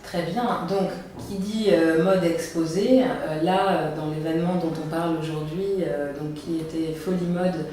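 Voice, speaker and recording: Hesitant woman interviewer, low voice, echoey. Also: steady tone, unhurried, hardly any pauses, mellow. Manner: hesitant, many fillers. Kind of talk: interview questions. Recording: echoey room, far from mic, faint noise.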